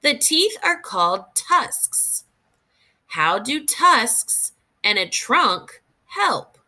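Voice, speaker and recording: Her voice high-pitched, this female teacher gives an expressive, deliberate reading of a nonfiction children's book, breaking off to think aloud for her young learners.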